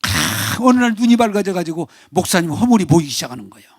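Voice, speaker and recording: Lively, high-pitched Korean pastor preaching. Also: male voice, fast talker, dry recording, clean studio sound. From South Korea. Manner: animated preaching, acting out quarrelling family members. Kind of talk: sermon. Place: church sanctuary.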